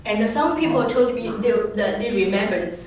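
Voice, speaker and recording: A woman's voice: a little high, lively intonation, normal speed, darkish tone. A woman teaching a class, patiently modeling sounds for students to repeat and laughing often. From China. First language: Chinese. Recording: echoey room, recorded from far off.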